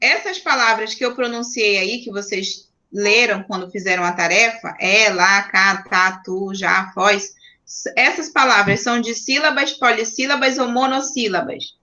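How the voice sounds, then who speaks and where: Bright-voiced Brazilian teacher on a lo-fi call. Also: female voice, mid-range voice, fairly even intonation, moderate pace. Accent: Brazilian Portuguese. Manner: patient, explains step by step, checks in often. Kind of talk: online class teaching. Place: home, on a video call. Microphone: video call. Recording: lo-fi video call audio.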